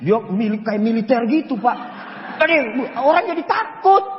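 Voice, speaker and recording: A high-voiced man tells stories to a seminar crowd, his pitch swooping up and down as he jokes. The sound is dull and lo-fi, with a long hall echo around him. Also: normal speed, slight background noise. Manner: animated, joking storyteller. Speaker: motivational speaker. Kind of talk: live motivational talk.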